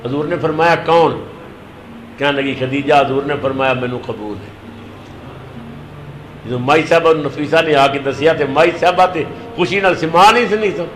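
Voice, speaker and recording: Pakistani preacher, high bright tenor, animated, acts out the dialogue as he tells the story. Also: few pauses, a little hiss or hum, rough recording. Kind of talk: Friday sermon storytelling.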